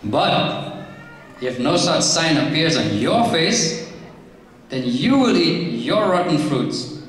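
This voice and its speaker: A man's voice: on the high side, sing-song, slow pace, slight background noise, voice pushed up. A man putting on a haughty cruel queen. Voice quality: loud, raucous, mocking. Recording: echoey hall, from far off.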